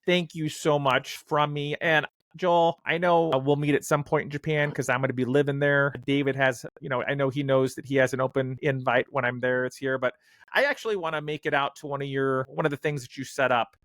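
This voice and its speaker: A man's voice: medium pitch, steady tone, fairly quick, fairly bright tone, no echo, studio quality. A man hosting a podcast, chatting casually and rambling with lots of fillers and restarts. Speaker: podcast host.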